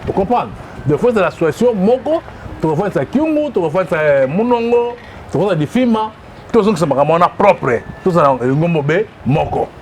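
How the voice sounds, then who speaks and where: This man, president of a community of traditional chiefs, answers interview questions in a high, darkish voice that moves fast and animated. He speaks emphatically, often repeating "vous comprenez?" to check he's understood, over a slight hiss or hum.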